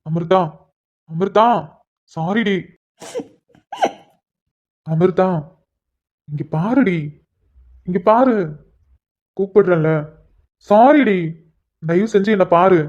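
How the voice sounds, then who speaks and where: A woman voicing a shy young husband in a cartoon, speaking softly and apologetically one moment and teasing his wife the next. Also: mid-range voice, slow pace, long pauses, lightly acted. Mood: pleading. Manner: soft, apologetic then playfully teasing. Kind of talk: cartoon dialogue voice acting. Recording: dull lo-fi recording.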